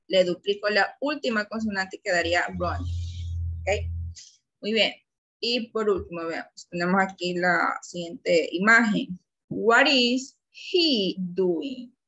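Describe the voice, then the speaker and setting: Teaching an English grammar class, a woman with an Ecuadorian Spanish accent speaks slowly and patiently, drawing out her example sentences. Her voice is medium-pitched, bright, and forceful, on a low-quality recording.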